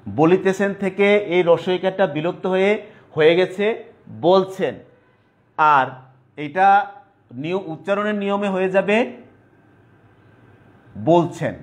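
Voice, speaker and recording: Man, teacher, online grammar lesson, slightly high voice, slow repetitive dictation. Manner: slow, repetitive dictation, spelling out terms piece by piece.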